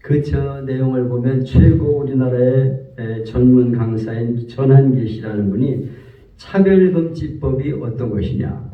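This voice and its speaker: A man preaching a sermon as pastor, telling a story and acting out the people in it. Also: medium pitch. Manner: storytelling, acts out quoted speech. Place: church sanctuary. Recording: roomy, distant, dull church recording.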